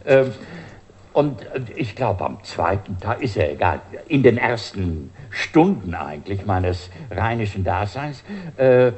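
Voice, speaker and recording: A man's voice: on the low side, very animated, unhurried, darkish tone, husky. An older man, a musician telling anecdotes as a guest, chuckling often and talking with many fillers.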